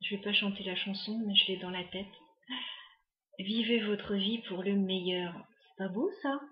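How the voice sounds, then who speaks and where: A woman giving a casual tarot reading to her viewers, musing and hesitant with many pauses and fillers. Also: mid-range voice, echoey room, muffled recording. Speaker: tarot card reader.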